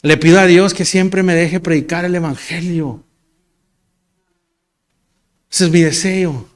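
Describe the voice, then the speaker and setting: A man's voice: on the high side, fairly even intonation, a little slow. A man delivers a sermon. He talks like he is chatting with the congregation, poking fun at himself, and his sentences often restart and repeat. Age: 40s. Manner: conversational, self-deprecating, storytelling with stumbles and repeats. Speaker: pastor.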